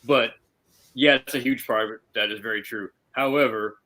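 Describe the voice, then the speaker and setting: A man's voice: medium pitch, steady tone, moderate pace, sharp tone, poor audio. A man hosting a podcast, a former police officer speaking candidly and laid-back, with some swearing. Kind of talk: casual podcast conversation.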